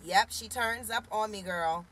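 Crowd noise and a rough recording accompany a woman in her forties streaming live from a parked car through a phone camera at arm's length. She talks a little slowly at medium pitch, chatting, teasing, and naming viewers as she greets them.

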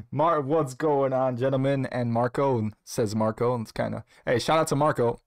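A man's voice: mid-range voice, normal speed. A man with a mid-range voice hosts a card-opening livestream, casual and upbeat. He jokes around, swears freely and sounds a little out of breath as he chats to viewers. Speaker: card break livestream host. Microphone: earpiece in, on stream.

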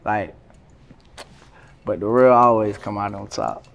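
A man, talking casually in an interview, relaxed and slangy with lots of fillers. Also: fairly low pitch, measured pace, creaky. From North Carolina, USA. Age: 20s. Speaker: rapper, interview guest. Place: indoors by a brick wall.

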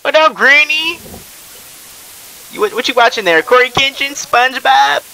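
A man giving casual let's-play commentary on a horror game, excitable and moving from low mumbling to panicked yelling. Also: normal speed, vocal fry, low-quality recording. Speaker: gamer playing a horror game. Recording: loud game noise behind.

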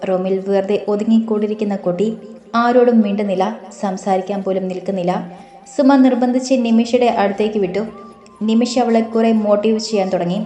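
A woman narrating a romance audiobook in a steady, gently dramatic reading. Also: medium pitch, brisk. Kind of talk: scripted story narration. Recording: roomy echo.

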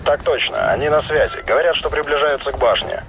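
A man voicing a military radio operator at base, answering crisply over a field radio set in a video game. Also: fairly high pitch, quick pace, fairly bright tone, a little hiss or hum.

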